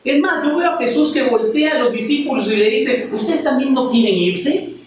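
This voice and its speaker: A man's voice: very high-pitched, moderate pace, noisy background. A man preaching a passionate sermon to a congregation, firing rhetorical questions at them as he speaks. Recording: very echoey church hall, mic at a distance.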